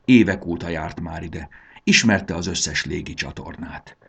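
Deep gravelly man reading a storybook. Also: a little hiss or hum. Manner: expressive storytelling. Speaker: narrator. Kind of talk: storybook narration.

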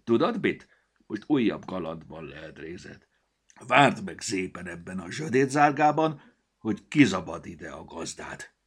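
A man voicing a grumpy, impatient young elf who talks in a gruff, scolding way. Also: low-pitched, sing-song, exaggerated voice. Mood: coaxing.

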